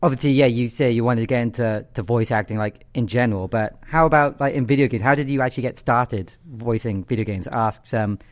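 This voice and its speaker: Man, co-host: middle pitch, relaxed, lots of "um" and "like". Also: fairly quick, hardly any pauses. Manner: relaxed, asks a listener question with fillers. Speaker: podcast co-host. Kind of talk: casual podcast interview.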